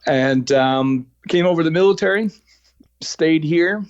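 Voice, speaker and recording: Halting American man with a faint New York accent. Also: a little high, smooth, no echo, highs cut off. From New York, United States. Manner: halting, many fillers and restarts. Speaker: podcast guest, lean coach. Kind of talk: casual interview talk.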